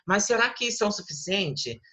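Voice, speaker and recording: A patient teacher talks a student through a lesson at a mid-range pitch. The teacher keeps checking understanding with quick tag questions and slows down to model English words. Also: big pitch swings, pushed and bright. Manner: patient, explanatory, checks with "né?" and "tá vendo?".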